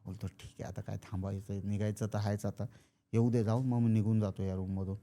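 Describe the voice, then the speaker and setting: Man telling a horror story, dark voice. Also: lowish voice, flat delivery, a little fast. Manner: acts out characters' lines in quoted speech. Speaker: podcast guest storyteller. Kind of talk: casual spoken horror storytelling.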